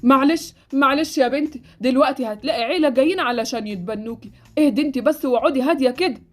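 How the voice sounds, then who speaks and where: A woman's voice: high voice, fast talker. A woman voicing a sleepy, fussy old man who runs an orphanage, with an Egyptian accent, in a Roblox story with light music behind. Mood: fussing. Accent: Egyptian Arabic.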